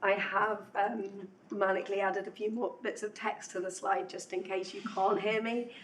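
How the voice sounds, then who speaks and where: A woman's voice: medium pitch, fairly even intonation, a little fast, distant mic, low-quality recording. A woman gives a technical talk in a lecture room, her voice fraying as she loses it. She is chatty and self-deprecating, filling gaps with ums. She sits a little back from the mic, with a faint hum in the room. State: losing her voice. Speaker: conference speaker.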